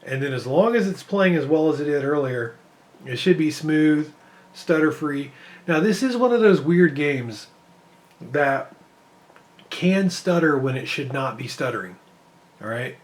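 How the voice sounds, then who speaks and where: A man's voice: a little high, lively intonation, measured pace, pauses often. A man losing his voice, giving casual rambling commentary while he benchmarks PC games. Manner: rambling, thinking aloud with fillers. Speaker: PC gaming benchmark creator.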